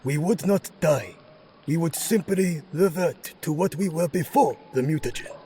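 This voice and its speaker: A man playing a wise old mutant rat master in an audio drama, solemn, formal and deliberate. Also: fairly high pitch, mellow, a little hiss or hum, lightly acted. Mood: solemn calm.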